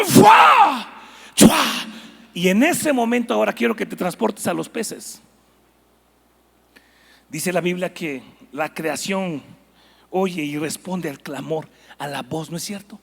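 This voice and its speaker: A man's voice: high voice, measured pace, vocal fry, pauses often. A man preaching a sermon, telling stories with animation and asking the listeners questions.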